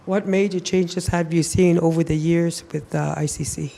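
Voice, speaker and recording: A woman's voice: fairly low pitch, steady tone, moderate pace, vocal fry, warm tone. A woman asking questions as a broadcast interviewer.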